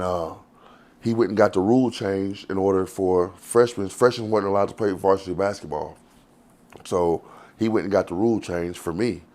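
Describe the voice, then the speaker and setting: Guy in his 40s, real low gravelly voice, rambling street talk, swears a lot. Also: darkish tone. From Texas. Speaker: interviewee. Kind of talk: candid life story interview. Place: outdoors on the street.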